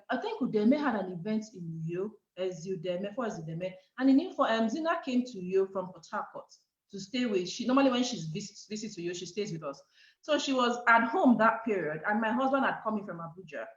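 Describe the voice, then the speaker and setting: A woman's voice: mid-range voice, normal speed. A middle-aged Nigerian woman with a Nigerian accent, telling her story as a guest speaker and acting out the dialogue. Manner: animated, acts out quoted dialogue. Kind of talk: storytelling talk. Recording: echoey, dull online call audio.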